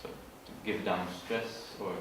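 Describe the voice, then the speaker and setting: Low-voiced man, echoey and distant. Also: steady tone. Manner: explanatory, halting, searching for words. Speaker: student presenter. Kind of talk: informal literature presentation. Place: large room at an evening school event. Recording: echoey hall from far off, faint noise.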